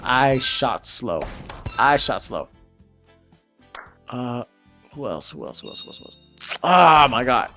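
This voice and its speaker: Here a man reacts to gameplay on a casual livestream, muttering and saying phrases over again. His medium-pitched delivery is very animated yet slow, with frequent pauses, and music blares loudly in the background.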